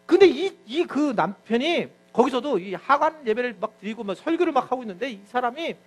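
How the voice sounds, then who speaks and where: A man's voice: very high-pitched, brisk. A male pastor giving a sermon, telling stories animatedly and acting out what people said. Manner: animated storytelling, acts out quotes.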